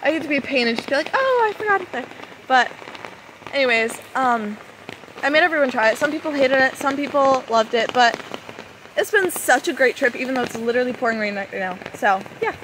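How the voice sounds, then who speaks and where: Her voice high-pitched and a little fast, a young woman vlogs casually from a campsite in pouring rain, umbrella overhead. The rain drumming on it makes her speak up, and the phone, held close to her face at arm's length, picks up background noise too.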